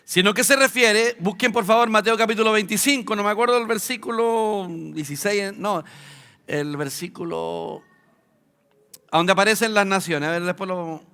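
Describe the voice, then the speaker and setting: High-voiced Chilean pastor in a hall. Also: male voice, vocal fry, bright, forceful tone, clean tone. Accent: Chilean Spanish. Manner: conversational teaching with filler pauses. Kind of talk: sermon. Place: church hall. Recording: long hall reverb.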